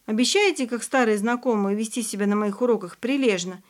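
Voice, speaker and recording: A woman reading the lines of a quiet, gentle young female student in an audiobook. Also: on the high side, brisk, natural voice. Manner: gentle, sometimes strict.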